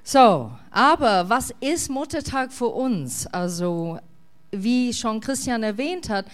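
A woman pastor preaching in a casual, halting way with many fillers. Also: a little high, animated. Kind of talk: sermon.

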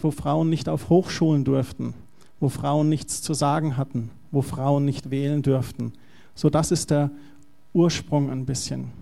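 A man's voice: on the high side, creaky, mellow. A male pastor giving a conversational, explanatory sermon.

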